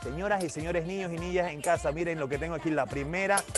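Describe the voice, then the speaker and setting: A man with a Panamanian Spanish accent hosts a children's magic show, his voice sitting high for a man. He talks in a showy, playful patter and keeps calling for applause. Faint music plays under him. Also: fast talker. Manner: showy, playful, cheering on the audience. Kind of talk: live-streamed kids' magic show.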